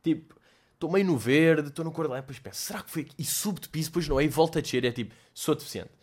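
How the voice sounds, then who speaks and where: A man's voice: on the high side, very fast. Young man chatting in European Portuguese. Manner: animated, swearing, mixing in English slang. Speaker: host answering listener questions. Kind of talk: casual chat.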